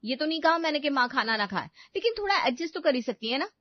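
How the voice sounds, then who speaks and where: A woman voicing an overworked young wife in an animated family story, complaining and sarcastic. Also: high voice, fast, no echo. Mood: indignant. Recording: dry, slightly dull studio recording.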